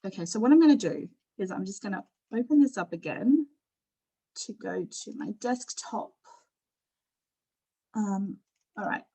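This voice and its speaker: Through a low-quality recording, her voice sounds on the high side, mellow and husky. The middle-aged Australian woman is a panel speaker at an online forum, sharing an informal personal presentation over video call in a frank, chatty way.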